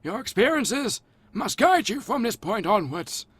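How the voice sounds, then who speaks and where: A man's voice: extremely high pitch, sing-song, a little slow, a bit bright, husky, dry recording, voice pushed up, heavily acted. A man doing a reedy old wizard mentor. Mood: wise. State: dry throat. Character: old male wizard mentor, rambling and absent-minded.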